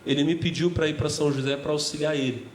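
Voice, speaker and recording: A man's voice: a little high, quick pace, reverberant, slight background noise, rough recording. A man with a Brazilian Portuguese accent preaching a sermon as pastor, calling out to the congregation and joking with them between points. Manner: lively call-and-response with the congregation, joking asides. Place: church.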